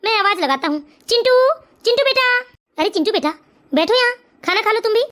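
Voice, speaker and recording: A very high voice doing a stern dutiful son. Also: animated, fast, a bit bright. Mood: earnest. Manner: earnest, turns stern and lecturing. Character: dutiful grown son and father, firm and stern. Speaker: cartoon character.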